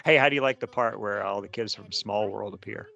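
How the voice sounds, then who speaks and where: A man's voice: fairly low pitch, a little fast, vocal fry, fairly bright tone, lo-fi sound. A man in his forties co-hosting a podcast in casual chat, playful and laughing often. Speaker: podcast co-host.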